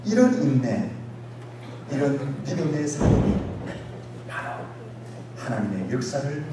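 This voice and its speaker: A man preaching a sermon as pastor, dropping to quiet asides and rising to loud exhortation. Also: mid-range voice, big pitch swings, slow. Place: church sanctuary. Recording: echoey church hall, distant mic, audible noise.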